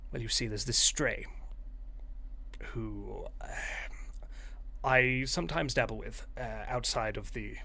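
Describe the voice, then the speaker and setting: A man's voice: mid-range voice, slow pace, vocal fry, pauses often, sharp tone, exaggerated voice. A man voicing a well-groomed, regal male cat who gossips in a fussy, conspiratorial way. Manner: conspiratorial, fussy, hesitant British-style toff talk.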